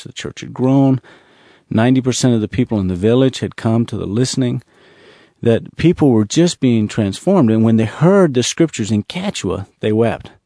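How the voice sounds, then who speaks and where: Male ministry speaker, earnest storyteller, mellow voice, dry close recording. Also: mid-range voice, dry recording. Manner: earnest, repetitive storytelling with slow emphasis. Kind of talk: storytelling testimony.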